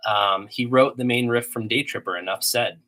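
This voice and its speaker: On a home desktop computer with the iMac's built-in mic, a man hosts a casual guitar livestream Q&A, answering chat questions. He has a slight cold and sounds a little sniffly, his mid-range voice at a moderate pace, rambling with lots of ums and restarts. He plays guitar between answers.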